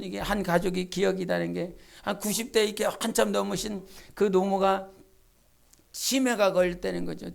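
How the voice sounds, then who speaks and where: A woman pastor delivers a Sunday sermon in a church, her voice carrying a gravelly edge. She drops to hushed, confiding asides, then climbs into fervent, shouted pleas. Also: mid-range voice. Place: church sanctuary.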